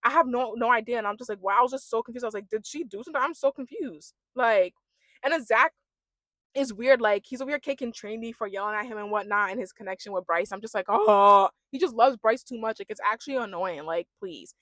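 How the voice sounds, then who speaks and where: A young woman rants in a chatty, slangy way, her voice a little higher than most. The sound is close and dry, with no room around it. She hosts her own recap vlog. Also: fast talker, a bit bright, no echo. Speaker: reality TV recap vlogger. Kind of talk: casual rant.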